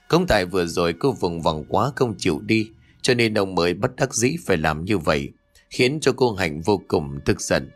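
Brief: male audiobook narrator for a ghost story, low voice, steady and measured, faint music behind.

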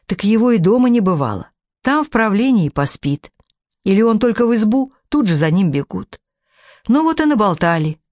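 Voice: medium pitch, very animated, normal speed, darkish tone, no echo, pitched above the performer's own voice, natural voice. A man reading a storybook, voicing an old village woman with folksy rural speech. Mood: wistful. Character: old village woman telling her war memories.

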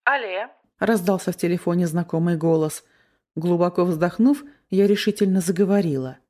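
A woman's voice: on the low side, brisk, mellow. A woman reading a first-person story aloud, tense and emotional in the dialogue. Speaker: narrator.

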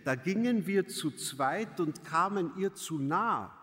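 Aggrieved maid narrating a quarrel, read by a man, slow, long reverb. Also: high voice, animated, fairly bright tone, exaggerated voice. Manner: aggrieved, vivid storytelling. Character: bitter serving maid retelling an insult, woman.

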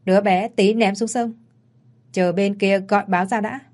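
A woman voicing a vicious male thug who curses roughly. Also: medium pitch, steady tone, normal speed, a little mellow, lightly acted. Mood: harsh. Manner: cursing, rough.

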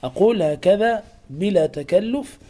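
A man teaching a recitation lesson, explaining pronunciation deliberately and chanting verses slowly to show right and wrong forms. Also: sits high, lively intonation, dark tone.

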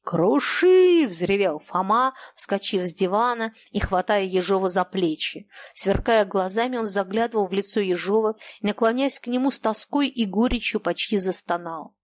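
A woman with a mid-range voice reads a classic novel as an audiobook, giving it a measured, expressive narration.

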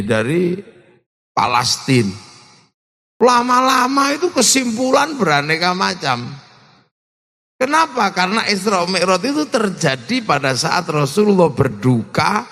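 Gravelly, high-voiced preacher in a hall. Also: male voice. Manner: dramatic, shifts between shouts and low asides. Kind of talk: humorous sermon storytelling. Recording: long hall reverb.

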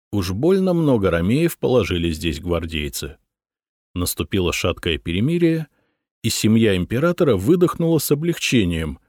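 Brief: male audiobook reader, lively intonation, dry close-mic sound. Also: fairly low pitch, dry recording. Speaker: audiobook narrator. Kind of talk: scripted narration.

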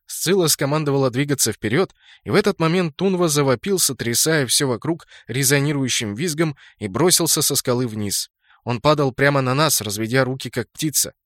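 A man's voice: fairly high pitch, fairly bright tone, no echo, studio quality. A man reading scripted fantasy game fiction as an audiobook narrator.

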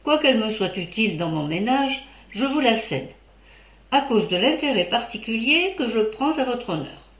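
A woman voicing a widowed male master who recommends his housekeeper in a smooth, persuasive manner. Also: fairly high pitch, animated, normal speed, close to an everyday voice. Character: widowed male barber-surgeon, obliging talker. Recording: roomy echo.

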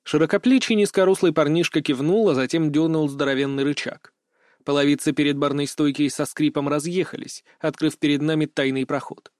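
A man narrating a first-person fantasy audiobook in an expressive storytelling manner. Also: fairly high pitch, fairly quick, no echo, studio quality.

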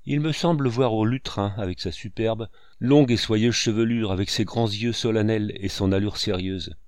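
A man's voice: fairly low pitch, moderate pace, a little mellow, no room sound, clean studio sound, natural voice. A man reading aloud and voicing a fussy old aunt who scolds the children in raised, exclamatory outbursts. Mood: fond.

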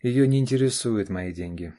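A man's voice: fairly low pitch, normal speed, mellow, lightly acted. A man voicing a firm, self-assured middle-aged father in an audiobook, speaking curtly and clipped. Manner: curt and clipped. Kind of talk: audiobook character voice.

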